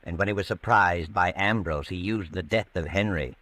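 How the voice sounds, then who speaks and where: An actor playing a sinister, all-knowing narrator, taunting and theatrical, in a 1940s radio mystery. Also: male voice, sits low, normal speed, sharp tone, no echo.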